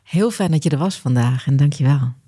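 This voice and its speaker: A woman's voice: low voice, brisk, dark tone, breathy edge. A woman hosting a wellbeing podcast, thanking a guest and delivering closing words. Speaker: podcast host. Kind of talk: warm-worded interview wrap-up and outro.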